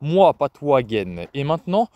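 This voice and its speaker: A man voicing an elderly grandmother who is gentle but firm, by turns pleading and indignant. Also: a little high, sing-song, normal speed, no room sound, voice pushed up.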